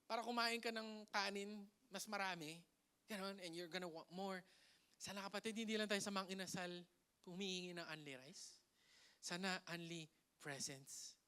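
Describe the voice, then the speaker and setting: Bright-voiced Filipino preacher. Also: male voice, high-pitched. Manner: playful, jokes with the congregation and laughs; swings between loud emphasis and soft asides. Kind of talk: lively sermon mixing Tagalog and English. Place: church hall.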